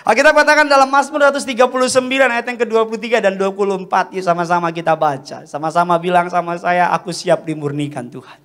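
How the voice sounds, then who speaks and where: A man with a notably high voice delivers a sermon at a church service. He jokes freely and keeps the congregation involved, calling on them to respond as he goes. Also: quick pace, few pauses. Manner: animated and joking, calls for congregation responses. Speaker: pastor.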